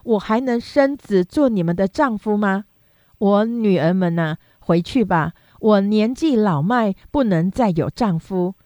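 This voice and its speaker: A woman voicing a grieving older widow in a scripture reading, in a plain measured way. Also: mid-range voice, expressive, mellow, dry recording, lightly acted. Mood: sorrowful.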